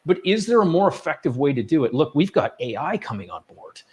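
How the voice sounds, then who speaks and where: A man co-hosting a live business show, his voice pitched a little high. He speaks with animated energy and often stumbles over and repeats his words. He tends to pose questions to the audience. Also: brisk. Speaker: co-host of a business talk show. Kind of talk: casual panel chat.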